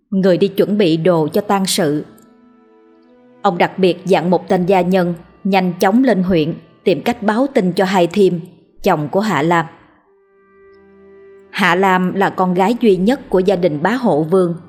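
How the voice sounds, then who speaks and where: A woman narrating a ghost story audiobook with calm, even delivery. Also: fairly low pitch.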